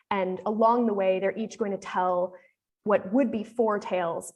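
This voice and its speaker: A woman's voice: mid-range voice, darkish tone. A woman with an American accent giving a casual, explanatory live demo presentation on a panel, talking with frequent fillers.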